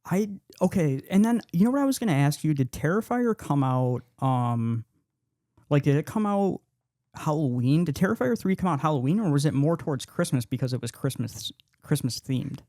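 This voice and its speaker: A man's voice: fairly high pitch, animated, moderate pace, mellow, no echo, clean studio sound. A man hosting a podcast in loose, casual chat, swearing now and then. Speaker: podcast host.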